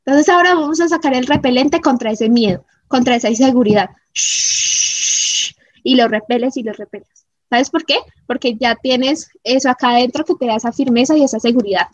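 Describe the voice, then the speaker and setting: High-voiced woman giving pep talk. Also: fast, no room sound. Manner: emphatic, checks in with frequent "¿sí?" and "¿mm?". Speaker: motivational speaker. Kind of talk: motivational talk to viewers.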